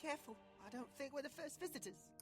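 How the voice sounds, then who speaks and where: A woman's voice: high voice, quick pace, soft background music, close to an everyday voice. An actress playing an alert, wary female crew member in a video game.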